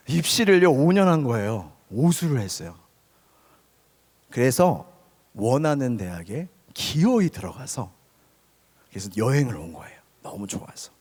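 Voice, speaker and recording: Korean pastor preaching in a reverberant hall. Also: male voice, mid-range voice. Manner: conversational, often addresses listeners directly; swings between loud emphasis and soft near-whispers. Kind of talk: youth sermon. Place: church sanctuary.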